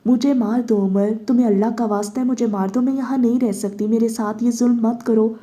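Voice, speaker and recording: Woman reading a frantic jailed woman, tearful pleading, dark mellow voice, slightly high. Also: steady tone, natural voice. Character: desperate young woman prisoner begging to die.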